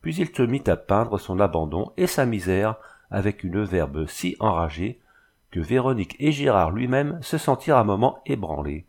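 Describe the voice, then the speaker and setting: A man's voice: fairly low pitch, big pitch swings, moderate pace, a little mellow. A man narrating a classic novel as an audiobook reader, lifting his voice for the characters' lines.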